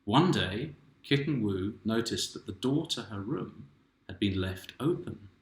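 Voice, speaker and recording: In a roomy home room with echo, a man reads aloud from a children's picture book he wrote himself. His lowish voice is expressive and measured, and he gently pauses to ask questions of the listening child and the viewers.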